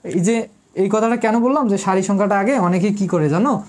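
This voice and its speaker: Mellow-voiced woman math tutor. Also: medium pitch, fairly quick. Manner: quizzes listeners, then answers her own questions; repeats key terms, informal address to students. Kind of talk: online math lesson.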